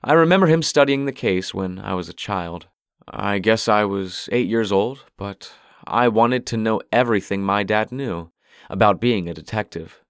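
A guarded, somber police detective, as a male narrator plays him in a low voice. He speaks in a measured way, told as an audiobook. The sound is dry and close to the mic. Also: clean tone, no echo, natural voice. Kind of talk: audiobook character voice.

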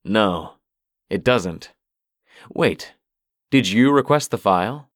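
An earnest, probing man, as a male narrator plays him in a low voice. He presses with questions in an audiobook reading. The recording is dry and close. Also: expressive, slow pace, no echo. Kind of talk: audiobook character voice.

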